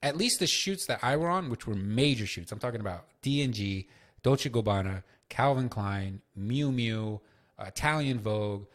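A man's voice: lowish voice, lively intonation, moderate pace. A man hosting a solo podcast, telling loose, profane stories with lots of fillers. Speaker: podcast host.

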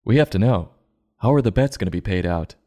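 A man's voice: lowish voice, animated, a little fast, dark tone. A man hosting a comedic review show, narrating and commenting in an irreverent, sarcastic, profane way.

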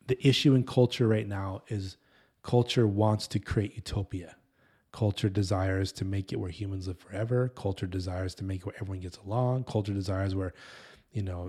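A man in his thirties preaching casually, telling a story in an animated, rambling way that often breaks off and restarts. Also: on the low side, slightly rough. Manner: animated, rambling, self-interrupting. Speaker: pastor.

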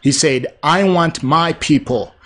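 A man's voice: a little high, slow, fairly bright tone. Earnest Ugandan-born male preacher. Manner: earnest, repetitive preaching cadence. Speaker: preacher and TV host. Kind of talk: broadcast sermon.

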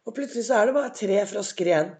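A woman hosting a motivational podcast, a little hoarse from a cold, telling stories and asking her listeners reflective questions. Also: mid-range voice, expressive, a little mellow. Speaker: podcast host.

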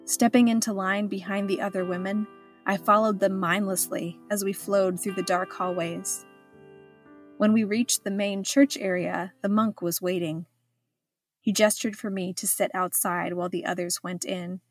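A woman's voice: mid-range voice, fairly even intonation, normal speed, soft background music. Woman narrating a memoir, wry and reflective. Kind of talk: scripted first-person narration.

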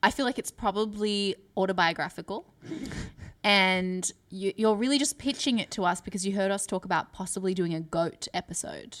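A woman's voice: mid-range voice, moderate pace. A woman co-hosts a casual podcast with a skeptical, teasing manner. She picks apart arguments and swears offhandedly. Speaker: podcast co-host.

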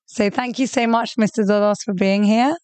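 A woman's voice: mid-range voice, steady tone, moderate pace, a little mellow, clear, resonant tone, no room sound. A woman hosting an interview, asking eager, curious follow-up questions. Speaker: host. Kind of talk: interview conversation.

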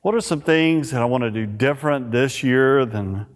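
A pastor preaching a sermon at a pulpit microphone in a church, reading scripture and praying in a measured, emphatic way. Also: male voice, mid-range voice. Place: church sanctuary. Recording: reverberant church hall.

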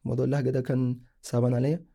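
A man's voice: mid-range voice, flat delivery, very fast, vocal fry, mellow. A young man from Sudan, casually telling his own story in a rambling way, often correcting himself mid-sentence. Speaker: guest sharing a personal story.

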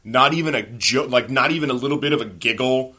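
A man hosts a podcast and tells casual comedy stories about his own awkward moments. His voice is bright and forward, and he swears freely in a wry, self-mocking way. He keeps the delivery loose and conversational. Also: mid-range voice, fast talker. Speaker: podcast host.

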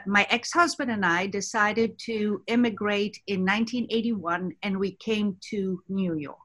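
Woman in her 60s from egypt, chatty storytelling on a podcast, voice a bit high. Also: a bit bright. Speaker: guest. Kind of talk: podcast interview, personal story.

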